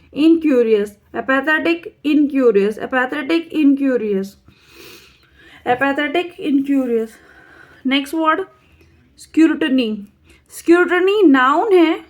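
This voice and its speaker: A woman with an Indian accent teaching English vocabulary in a Hindi-language exam-prep lesson, repeating each word several times. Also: high voice. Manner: slow, drilling repetition of words.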